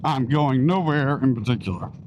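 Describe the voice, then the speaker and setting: A man's voice: medium pitch, lively intonation, normal speed. A man chatting casually as a motorcycle vlogger while riding, his voice enclosed inside a helmet. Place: outdoors, riding a motorcycle on country back roads. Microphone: microphone inside a helmet. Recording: wind and engine noise, helmet mic.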